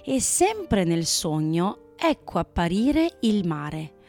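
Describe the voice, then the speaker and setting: A woman narrating a children's story in a gentle, measured manner. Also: lowish voice, big pitch swings, faint music behind.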